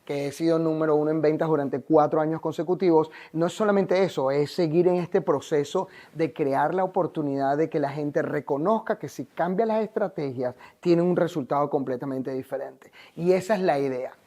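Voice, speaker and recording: A man's voice: fairly high pitch, moderate pace, few pauses, warm tone. Earnest Venezuelan man telling his story. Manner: earnest, emphatic, motivational. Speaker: life coach, guest. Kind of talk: interview storytelling.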